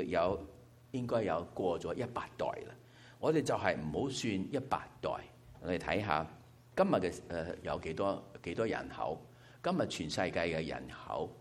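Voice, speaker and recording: Speaking to his church gathering, a male preacher with a very deep voice delivers a sermon, his pitch rising and falling with lively emphasis. He explains patiently, working through numbers one step at a time.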